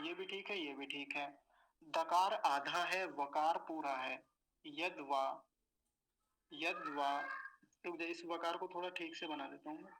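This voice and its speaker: A patient man teaching pronunciation, repeating each word slowly syllable by syllable. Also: a little high, bright, forceful tone, a little hiss or hum, rough recording. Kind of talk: slow pronunciation lesson.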